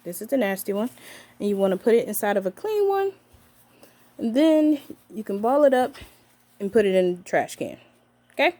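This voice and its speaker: A woman's voice: medium pitch, very animated, moderate pace, pauses often, warm tone. A woman working as a nurse, giving an upbeat health lesson to camera and checking in with viewers as she goes. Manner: upbeat, addresses viewers as guys, checks in with okay.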